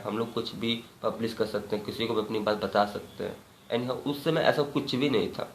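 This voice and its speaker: A male biology teacher gives a classroom lecture. He asks a question, answers it himself, and keeps checking in with his listeners. The sound is echoey, with a light hum in the background. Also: mid-range voice. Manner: repeats key points as questions, frequent "ठीक है" check-ins.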